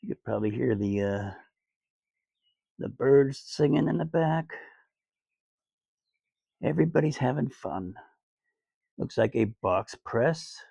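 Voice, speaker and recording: A man with a gravelly, creaky voice talks slowly and loosely through a cigar review, full of fillers and crude asides. He is recorded close and dry outdoors, and the sound has very little echo. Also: mid-range voice, expressive, mellow. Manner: laid-back, rambling, crude jokes, many fillers. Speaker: cigar reviewer, channel host. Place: outdoors on a sunny day.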